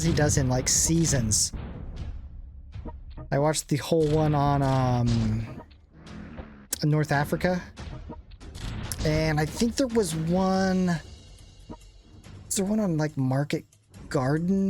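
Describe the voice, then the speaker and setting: A young man who hosts a gaming channel rambles casually through commentary on a strategy game, cracking jokes and making self-deprecating asides. His voice sits a little high, and he talks slowly with long pauses. Game music plays in the background.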